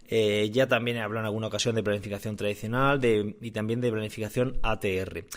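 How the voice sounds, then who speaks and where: A man's voice: fairly low pitch, steady tone, fast. A man speaking casually as a podcast host and coach, explaining things and often rephrasing as he goes. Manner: conversational, often repeats and rephrases. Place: room indoors. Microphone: condenser microphone.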